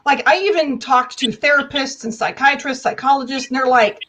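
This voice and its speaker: Woman, standard American accent, high-pitched voice, animated storytelling, irreverent and emphatic, interview guest. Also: normal speed. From United States. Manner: emphatic, irreverent, laughs often, acts out dialogue.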